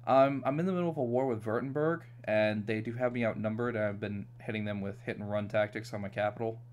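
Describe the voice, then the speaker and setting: Speaking fast in a lowish, steady, somewhat dark voice, a New Yorker streams a strategy game and chats casually with lots of filler words, over a faint hiss or hum. He comes across relaxed and talkative.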